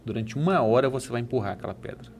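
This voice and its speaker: A fatherly, solemn God speaks slowly and gently in a Brazilian Portuguese accent, handing out a mission in a told parable, put on by a man in his own voice. There is faint noise behind him. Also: medium pitch, animated, vocal fry. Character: God, a calm fatherly male voice from above.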